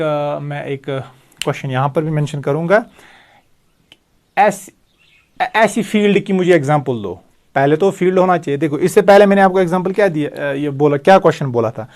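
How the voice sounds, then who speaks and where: Math lecturer, higher voice. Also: male voice. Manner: explains step by step, repeats key terms. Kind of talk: recorded video lecture.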